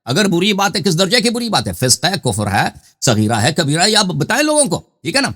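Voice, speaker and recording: A man's voice: high voice, huge pitch swings, fairly bright tone. A man hosting a heated live debate, pressing his opponent with insistent questions and cutting in. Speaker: show host in a debate.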